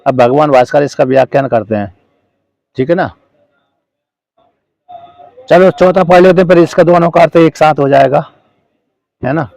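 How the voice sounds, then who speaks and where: A man's voice: fairly high pitch, gravelly, a little mellow, dry recording. A man teaching scripture in a lesson, explaining a commentary word by word, often breaking off to correct himself and asking his listeners if they follow. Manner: halting, self-correcting, checks in with listeners; slow chanted verse recitation.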